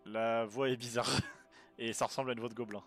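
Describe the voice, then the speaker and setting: A man runs a tabletop role-playing game, describing scenes and ruling on actions. His pitch sits in the middle, and music plays behind him. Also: steady tone, fairly quick, fairly bright tone. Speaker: game master. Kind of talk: improvised tabletop game narration. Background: background music.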